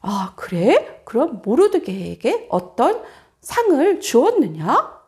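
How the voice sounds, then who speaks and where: A woman voicing a proud older king who questions his officials and gives orders in a deliberate, regal manner, told as a children's Bible story. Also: high voice, huge pitch swings, darkish tone, exaggerated voice. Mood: pondering. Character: proud Persian king, older man, commanding.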